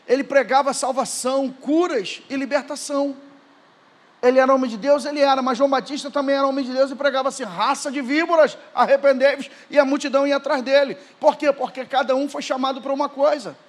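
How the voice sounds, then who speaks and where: A man preaching a Pentecostal sermon in church with a Brazilian Portuguese accent, moving from quiet, low talk to shouted proclamations. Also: steady tone, quick pace. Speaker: pastor.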